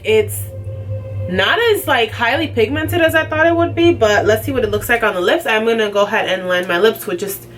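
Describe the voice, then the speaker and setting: A young woman chatting casually as a beauty vlogger, full of "like" and "um" as she goes. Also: fairly high pitch. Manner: chatty, lots of "like" and "um". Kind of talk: casual unboxing chat. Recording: slightly distant, faint background noise.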